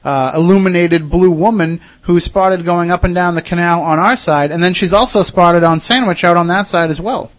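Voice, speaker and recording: Guy hosting a radio chat, lighter higher voice, pretty into it, dry studio sound. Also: normal speed, few pauses, no room sound. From Wareham, Massachusetts. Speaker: radio host. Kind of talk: casual radio interview chat.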